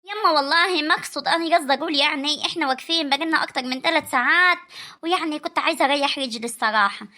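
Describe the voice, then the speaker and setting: A woman's voice: high voice, racing, pushed and bright. A woman with a rural Egyptian accent playing a tired young daughter who pleads with her mother. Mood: pleading. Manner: whiny, pleading.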